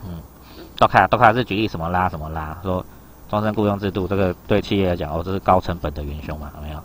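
This Japanese teacher, a man with a low voice, talks fast through an exam reading lesson, explaining casually and conversationally. He often stops to ask whether students follow, and a faint hiss or hum sits under the recording.

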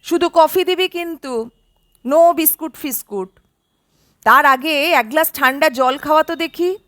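A man's voice: extremely high pitch, animated, unhurried, bright, forceful tone, no echo, studio quality, heavily acted. A woman voicing a boisterous, bossy man who gives orders and teases his old friend, in an audiobook story. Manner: commanding, teasing.

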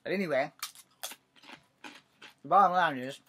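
A man's voice: on the high side, a little slow, pushed and bright, slight background noise. A man about to turn fifty, talking to his webcam in a cluttered bedroom, wry and sarcastic, swearing now and then. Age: 40s. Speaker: vlogger. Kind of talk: casual webcam monologue. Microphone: webcam at desk distance.

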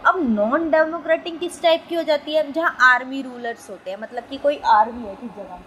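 A young woman teaching a school civics lesson in a casual, conversational way, often asking rhetorical questions and reading quotes slowly. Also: sits high, fairly bright tone, a little hiss or hum, poor audio. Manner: reads English quotes slowly.

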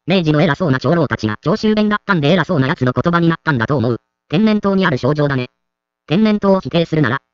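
Fast, crisp male comment reader. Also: on the high side, no room sound, muffled recording. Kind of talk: reading comments aloud.

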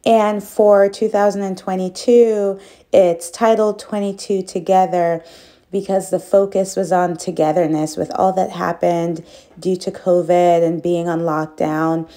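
A woman's voice: lowish voice, level tone, unhurried, mellow. A woman steadily explaining the background of a local food festival in an informative way.

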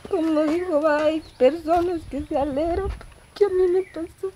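Tearful young woman, high soft voice. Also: steady tone, normal speed, a little hiss or hum. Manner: tearful, earnest, full of thanks to God. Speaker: recipient of donation. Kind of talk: emotional outdoor testimony. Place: rural dirt yard outdoors.

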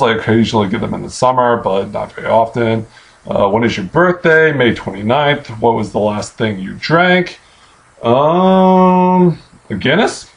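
An American man in his late twenties answers questions off the cuff in a halting, casual way, thinking aloud into a computer mic in a bedroom. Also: medium pitch, vocal fry. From Missouri, United States. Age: late 20s. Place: small bedroom, indoors. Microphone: webcam or computer mic at arm's length.

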